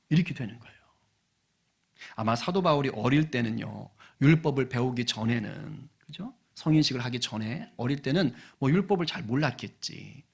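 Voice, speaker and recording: A middle-aged male senior pastor preaching a sermon in a church, talking to the congregation with rhetorical questions and swinging between loud bursts and hushed asides. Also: fairly high pitch, slightly rough. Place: church sanctuary.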